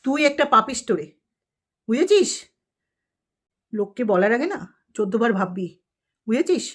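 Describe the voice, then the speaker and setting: Woman vlogger going off at someone, scolding and insulting, fairly high voice, lots of "you get it?" questions. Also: very animated, moderate pace. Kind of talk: angry rant at a rival.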